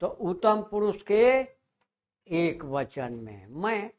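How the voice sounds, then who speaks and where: A man teaching a grammar lesson, slowly repeating and drawing out words. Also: high voice, sing-song. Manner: slow, repeats words and stretches them out. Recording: dull lo-fi sound.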